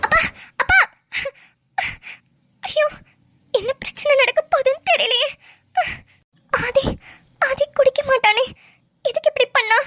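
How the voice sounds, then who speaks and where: Woman doing a tearful, high, whimpering young bride. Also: a little slow, pauses often, sharp tone, no room sound, full character voice. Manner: whimpering, fretful. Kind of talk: cartoon voice acting.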